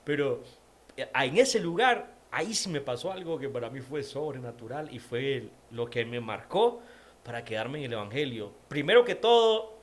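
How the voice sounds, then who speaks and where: A man's voice: medium pitch, lively intonation, normal speed, slight background noise. A man with a Nicaraguan accent, an interview guest giving a personal faith testimony, repeating words for emphasis. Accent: Nicaraguan Spanish.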